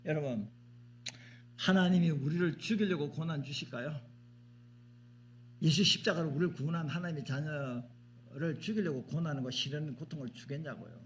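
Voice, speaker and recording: A man's voice: fairly high pitch, normal speed, pauses often, muffled recording, slight background noise. A male pastor preaching a sermon in a church, emphatic and repetitive, often asking the congregation questions. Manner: emphatic, repeats words, asks the congregation questions. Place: church sanctuary.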